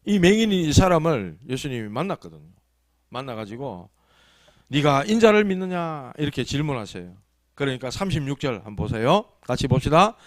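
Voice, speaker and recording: A man's voice: mid-range voice, big pitch swings, brisk, dry recording, clean studio sound. A male pastor gives a conversational afternoon sermon, often asking his congregation rhetorical questions. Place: small church sanctuary.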